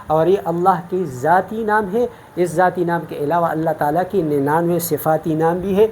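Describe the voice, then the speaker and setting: A woman's voice: lowish voice, darkish tone, a little hiss or hum. A woman from Pakistan teaching Quran recitation in an online lesson, explaining each rule patiently, step by step.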